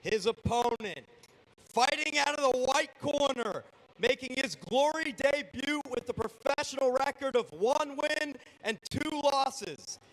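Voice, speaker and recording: A man's voice: extremely high pitch, a little slow, fairly bright tone, poor audio. A man working as a ring announcer, giving formal, projected, ceremonial introductions.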